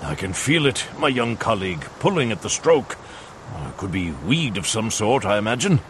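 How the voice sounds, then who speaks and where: Low, swooping, courtly old scholar. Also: male voice, big pitch swings, moderate pace, a bit bright, slight background noise. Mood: musing. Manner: florid, hesitant, courtly. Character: pompous, scholarly old doctor at the oars. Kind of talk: dramatised adventure audiobook acting.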